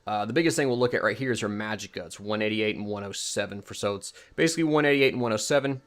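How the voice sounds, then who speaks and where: Talking fast in a fairly bright voice on the low side, a video host shows a game mod he created. The tutorial is casual and unscripted, and he rambles, second-guessing and correcting himself along the way.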